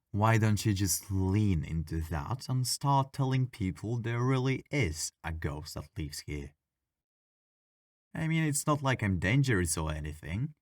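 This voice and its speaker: A lowish male voice plays a mischievous, bored but friendly ghost for intimate ASMR audio, teasing and wry and gently arguing. The sound is clean, studio-grade and echo-free.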